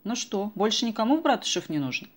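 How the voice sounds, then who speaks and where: A woman voicing a gruff, brusque middle-aged male bus driver in an audiobook. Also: medium pitch, big pitch swings, fast talker, pitched above the performer's own voice.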